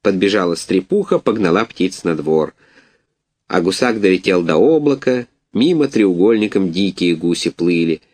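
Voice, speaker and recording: Expressive male storybook narrator. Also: deep voice, moderate pace. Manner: animated, expressive reading.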